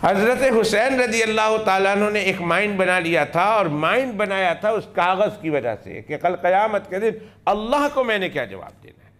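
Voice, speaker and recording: A man's voice: high-pitched, animated, moderate pace, fairly bright tone. A man, a religious scholar, giving a weekly religious lesson. He tells the story emphatically, repeats key phrases and acts out the quoted dialogue.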